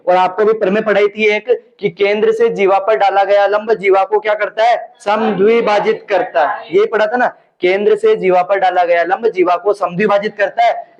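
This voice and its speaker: A man teaching a maths class, mixing the lesson with teasing jokes to his students. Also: sits high. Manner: joking asides to students, teasing banter. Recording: dull lo-fi classroom recording.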